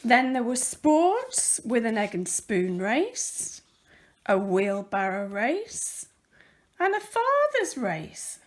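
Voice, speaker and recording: With a slightly high voice and a slow pace, a volunteer storyteller reads a children's picture book aloud. She emphasizes the words with care and expression.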